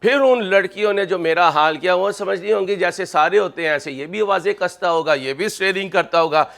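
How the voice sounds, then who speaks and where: Chatty guy teaching accounts, kinda high voice, cracks jokes at the class. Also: a little fast, vocal fry, fairly bright tone. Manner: chatty, joking, addresses students as kids. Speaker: accounting lecturer. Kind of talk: classroom lecture with personal anecdotes.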